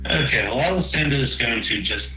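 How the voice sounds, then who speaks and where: A man's voice: medium pitch, expressive, normal speed, pushed and bright. A man chatting casually and wryly as a player in a tabletop game. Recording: roomy echo, slightly dull lo-fi. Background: music.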